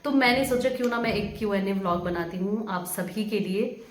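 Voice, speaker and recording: A young woman in her twenties from Himachal Pradesh chats through viewer questions in a relaxed home vlog. Her voice sits at a middle pitch and she talks easily, hesitating often on filler sounds. The room around her is bare and echoey. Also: fairly quick. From Himachal Pradesh, India. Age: 20s. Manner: chatty, hesitant with many fillers, laughs at questions. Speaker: vlogger. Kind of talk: casual Q&A vlog.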